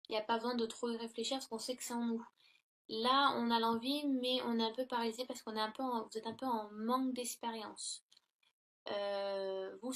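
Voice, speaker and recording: A woman's voice: a little high, a bit bright. A woman giving a casual tarot reading to her laptop, hesitant and full of fillers and self-corrections. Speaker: tarot reader. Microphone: laptop built-in mic.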